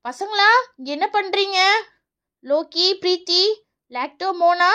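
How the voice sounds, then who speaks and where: A woman's voice: very high-pitched, measured pace, sharp tone, full character voice. A woman voicing a friendly, chatty young mother in a children's cartoon.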